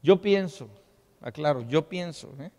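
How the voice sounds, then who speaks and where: A man's voice: fairly high pitch, expressive, unhurried, darkish tone. A man preaching a sermon to his congregation, reading scripture aloud and asking them to repeat phrases after him. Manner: call-and-response preaching, asks congregation to repeat. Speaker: pastor. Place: church hall. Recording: long reverb in a church hall.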